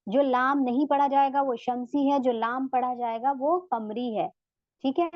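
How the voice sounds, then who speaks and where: Patient woman teaching slowly, slightly high. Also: no room sound, lo-fi sound. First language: Urdu. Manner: patient, repeats examples slowly. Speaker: Quran tajweed teacher. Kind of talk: online lesson explanation.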